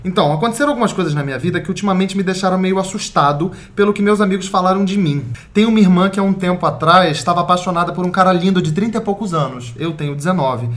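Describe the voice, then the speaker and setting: A man's voice: high-pitched, rapid-fire, few pauses, a bit bright. A man, a podcast guest, reading a listener's email aloud in casual chat and ranting in a theatrical, mock-outraged way.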